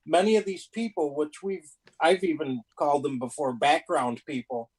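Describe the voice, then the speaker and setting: Man, slightly high voice, folksy, casual rambling chat, colloquial talk-show panelist. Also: normal speed, husky, low-quality recording. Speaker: panelist on a paranormal live show.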